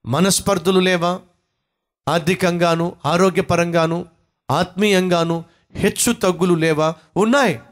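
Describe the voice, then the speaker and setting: A man's voice: high voice, steady tone, measured pace, pauses often. A man preaching a sermon in short, emphatic, repeated phrases, with a Telugu accent. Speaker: pastor.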